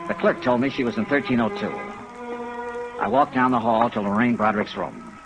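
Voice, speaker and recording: In a 1950s radio detective drama, a man plays a brisk, tough, steady insurance investigator, wry and clipped, giving dramatic narration. His voice is medium-pitched, brisk and creaky. It's a rough vintage radio recording with music and steady rain noise.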